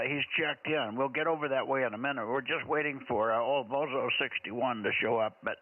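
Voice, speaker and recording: A man running an amateur radio net over a two-way radio, easygoing and folksy as he directs other operators. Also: medium pitch. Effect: heard over a two-way radio. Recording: tinny radio transmission with clear hiss.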